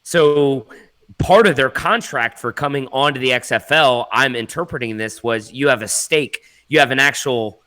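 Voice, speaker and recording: A man co-hosting a casual sports podcast over a video call, thinking out loud and checking his take with the others. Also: mid-range voice, moderate pace. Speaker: podcast co-host.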